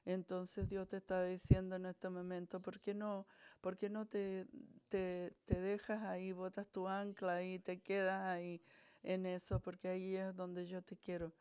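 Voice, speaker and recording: A woman pastor leading a church altar call, praying fervently with pauses and restarts. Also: on the low side, completely flat delivery, warm tone, clear, resonant tone.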